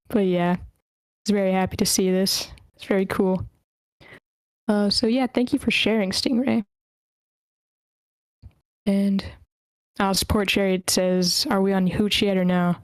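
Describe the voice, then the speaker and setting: A woman with a smooth, mid-range voice hosts an online script table read, chatting casually and playfully while moderating the meeting. The online voice call sounds dry and close, with no echo.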